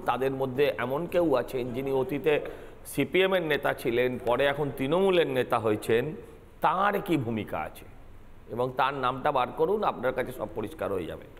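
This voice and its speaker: A man's voice: mid-range voice, a little hiss or hum. Guy, councillor, pushy and repeats himself, echoey line. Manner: emphatic, accusatory, repeats himself. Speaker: councillor guest. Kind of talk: heated political debate.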